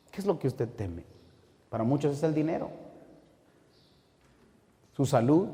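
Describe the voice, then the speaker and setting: A man preaching with fire, his voice climbing into shouted rebukes and then sinking to quiet, heavy warnings. He sits at an ordinary middle pitch. The sound rings out through a large, reverberant hall. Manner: impassioned preaching, swinging from shouting to low intensity. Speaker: pastor. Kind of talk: sermon. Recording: echoey hall with long reverb.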